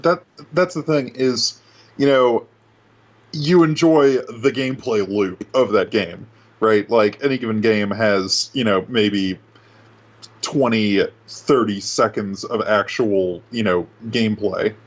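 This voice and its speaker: A laid-back man chats and swears casually over an online voice call. His voice has been pitched down a couple of semitones, so it comes out low and oddly deep. The call audio sounds dull and lo-fi. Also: slow. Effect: voice pitched down a couple of semitones, sounding unnaturally deep. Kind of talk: casual chat about video games. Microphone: computer mic over an online voice call.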